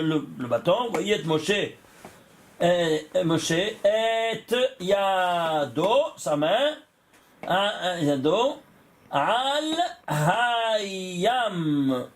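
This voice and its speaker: High-voiced, slow rabbi teaching a class. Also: male voice. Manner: talks directly to listeners, checking they follow; chuckles often while explaining. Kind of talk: Torah lesson to students.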